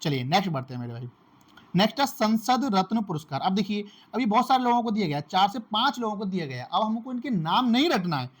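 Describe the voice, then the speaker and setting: A man's voice: sits high, very animated, fast talker. A man teaching exam material in a casual classroom style, repeating phrases, building memory tricks and calling his listeners his brothers.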